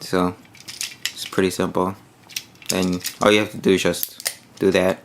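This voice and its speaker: A man's voice: low-pitched, little pitch movement, measured pace, a little hiss or hum. A man giving a casual, hands-on toy review, rambling with many fillers while he demonstrates the pieces.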